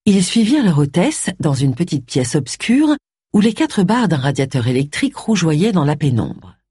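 A woman narrating a novel in a measured, expressive reading. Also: low voice, breathy edge, dry recording, studio quality. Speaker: audiobook narrator. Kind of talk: scripted narration.

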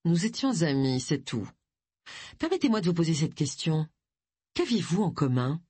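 A reader voicing Tilly, a gruff middle-aged village woman who is blunt and scornful, speaking in a low, curt voice. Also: sing-song, moderate pace, darkish tone, no echo. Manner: curt, dismissive, grumbling.

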